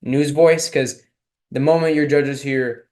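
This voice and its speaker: A young man, leading a relaxed online lesson. He talks in a loose, chatty way, full of fillers, while answering questions from his students. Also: mid-range voice, slow pace. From Texas. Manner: casual, filler-heavy coaching talk. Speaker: speech and debate coach. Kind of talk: online lecture with Q and A.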